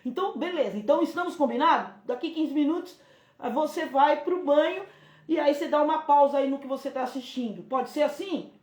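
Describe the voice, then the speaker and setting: A Brazilian woman hosting a parenting live stream, giving advice and acting out gentle talks with a child. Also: high-pitched, a little fast, reverberant. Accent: Brazilian Portuguese. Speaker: parenting channel host.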